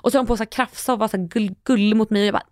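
A woman's voice: mid-range voice, no room sound, clean studio sound. A young woman co-hosting a podcast, chatting in a candid, confessional way and laughing often. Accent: Swedish. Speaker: podcast co-host. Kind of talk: casual chat.

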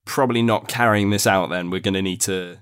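A man's voice: sits low, fairly even intonation, brisk, fairly bright tone, smooth. A man playing a tabletop role-playing game in a casual, playful way, half acting out his character.

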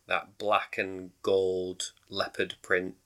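A man co-hosting a casual sports podcast, chatty and quick to laugh. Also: low-pitched, completely flat delivery, a bit bright. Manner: chatty, laughs readily, trails off mid-sentence. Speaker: podcast co-host. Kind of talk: casual chat.

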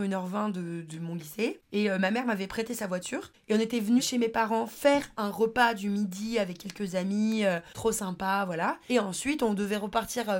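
Fields: Sex: woman. Style: chatty anecdote podcast. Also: mid-range voice. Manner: slangy, chatty, lots of fillers. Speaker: podcast host. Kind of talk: casual anecdote storytelling.

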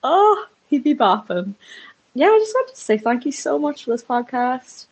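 Gushing, husky woman leaving a voice message. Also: high-pitched, big pitch swings, moderate pace, a little mellow. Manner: gushing, affectionate, sweary. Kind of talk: casual, chatty voice message.

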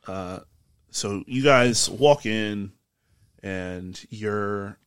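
A man narrating as game master of a tabletop game, halting and rambling with many fillers. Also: fairly low pitch, smooth, no echo, studio quality.

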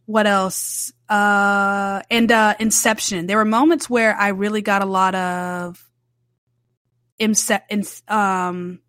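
A woman reviews films in a standard American accent with Southern roots. Her delivery is conversational and emphatic, often doubling back on a word to stress it. Her mid-pitched voice sounds close and dry, with very little room around it. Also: little pitch movement, slow, fairly bright tone, clear, resonant tone, no echo. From southern United States. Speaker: film reviewer. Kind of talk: casual, conversational movie review.

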